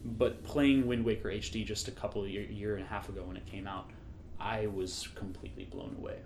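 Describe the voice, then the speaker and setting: A man's voice: fairly low pitch, steady tone, fairly quick, darkish tone, reverberant, a little hiss or hum. A man co-hosting a podcast in casual chat, talking in a rambling, enthusiastic way and correcting himself as he goes. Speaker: podcast co-host.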